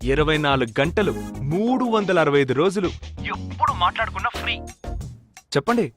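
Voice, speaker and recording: Boastful jobless young guy, teasing, drawn-out delivery, dubbed film scene. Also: high voice, expressive, music in the background. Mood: smug teasing. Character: cocky jobless young man, chatty and bluffing.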